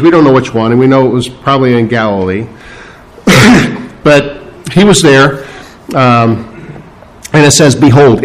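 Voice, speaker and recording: Poor audio captures a male pastor's mid-range voice as he works through scripture verse by verse without a script. His delivery halts often, full of fillers and restarts, and he leans hard on key words.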